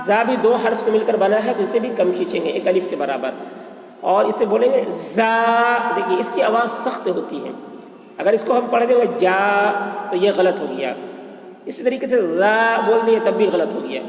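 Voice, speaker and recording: High-voiced man teaching, echoey room. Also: lively intonation. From India. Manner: drawn-out sung letter sounds between plain explanation. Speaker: Quran reading teacher. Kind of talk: letter pronunciation lesson.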